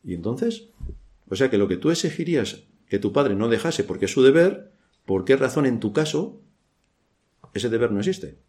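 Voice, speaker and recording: A man's voice: medium pitch, very animated, normal speed, long pauses, darkish tone. A man from Spain with a Spanish accent preaching a church sermon, asking rhetorical questions and adding dry ironic asides.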